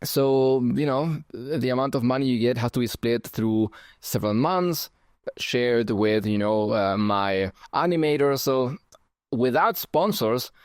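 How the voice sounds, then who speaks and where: Recorded dry and at studio quality, this man has a clean, mid-range voice and an accent blending German and Spanish, from a German birth and Chilean upbringing. As host of his channel, he reads through comments with wry, conversational remarks, chuckling now and then.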